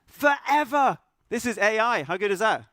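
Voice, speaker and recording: A middle-aged man, raised in Norway, speaking at a conference, halting and self-deprecating, full of restarts and fillers. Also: high-pitched, lively intonation, bright, forceful tone, dry recording. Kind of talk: hesitant conference talk. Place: conference hall stage.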